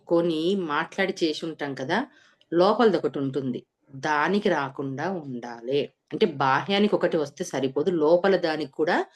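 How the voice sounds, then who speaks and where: A woman teaching a scripture lesson, explaining each verse and posing rhetorical questions to her listeners. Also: low-pitched. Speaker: spiritual teacher.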